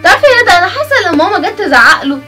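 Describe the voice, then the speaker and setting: A woman's voice: extremely high pitch, big pitch swings, racing, distant mic, music in the background. A woman with an Egyptian accent playing an agitated young woman who keeps complaining tearfully in a family web drama. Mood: upset. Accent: Egyptian Arabic. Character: upset young woman harassed by a neighbor.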